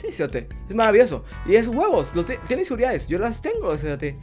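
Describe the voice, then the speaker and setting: High-voiced Guatemalan man, crude banter. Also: wildly swooping pitch, quick pace, a little mellow, faint music behind. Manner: crude slangy banter, constant swearing. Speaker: podcast co-host. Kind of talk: casual podcast chat.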